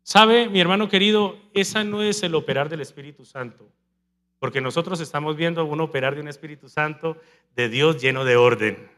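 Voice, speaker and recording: A male pastor with a high, bright voice preaches a sermon. He leads the congregation in call-and-response and mimics people with lively energy. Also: fairly quick. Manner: animated, mimics people speaking in tongues.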